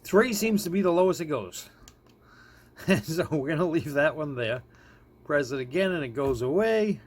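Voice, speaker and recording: Speaking at a moderate pace with fairly high pitch and lively intonation, a man runs through a casual hands-on gadget demo as a product reviewer. He thinks aloud and chuckles often, and the indoor recording is clearly noisy.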